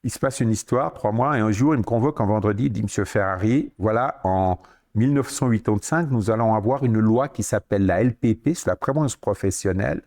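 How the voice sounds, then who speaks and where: A Swiss French man in his sixties with a fairly low voice, speaking as a podcast guest. He tells stories with energy, acting out the lines of the people he quotes. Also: a little fast. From Switzerland. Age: 60s. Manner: lively anecdotes, acts out quoted dialogue. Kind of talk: storytelling interview.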